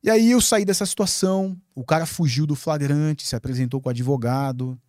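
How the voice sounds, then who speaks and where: Guest, male, from Brazil; mellow, dry-miked podcast storyteller, profanity and lively re-enactment. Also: on the high side, a little fast, no room sound. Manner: lively, swearing, acts out his own past words. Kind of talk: animated storytelling in a podcast interview.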